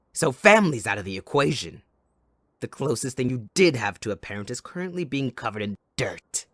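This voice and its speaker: In an ASMR audio roleplay, a man plays a mocking, possessive, sadistic villain, drawing out his lines in a taunting, theatrical way. His voice is mid-range, with no room sound.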